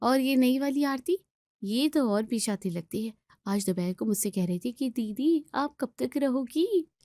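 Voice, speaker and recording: A woman's voice: animated, unhurried, dry recording, studio quality. Woman playing a scolding older mother-in-law. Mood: scheming. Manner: low, scolding, sharp-tongued.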